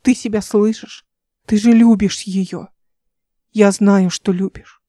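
A woman's voice: mid-range voice, fairly even intonation, takes it slowly, warm tone, no room sound, clean studio sound. A woman reading the part of a passionate young male crewman who speaks in a heated, pleading way in an audiobook.

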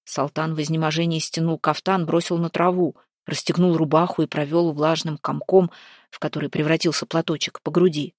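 Woman, low voice, storybook narration, measured, dry close sound. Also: little pitch movement, a little mellow, no room sound. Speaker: audiobook reader.

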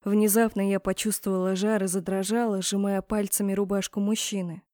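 A woman narrating a first-person romance fantasy story in an expressive, dramatic reading. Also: mid-range voice, brisk, no room sound, clean studio sound. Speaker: audiobook narrator.

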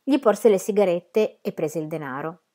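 A woman reading a novel aloud in a measured storytelling manner. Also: on the low side, lively intonation, dark tone. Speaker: reader. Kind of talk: audiobook narration of a novel.

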